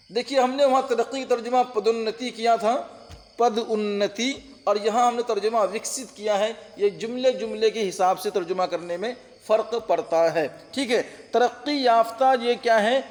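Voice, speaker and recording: High-voiced man teaching translation, reverberant. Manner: patient, repeats terms and checks understanding. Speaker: Urdu-Hindi translation teacher. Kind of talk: online exam-prep lesson.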